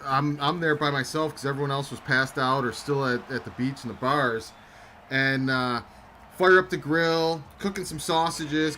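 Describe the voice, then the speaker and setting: A young man with a bright, somewhat high voice chats casually as co-host of a simulated football stream. He rambles through long anecdotes and reads viewer comments aloud. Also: a little hiss or hum. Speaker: co-host of a game-sim stream. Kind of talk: casual chat over a simulated football game.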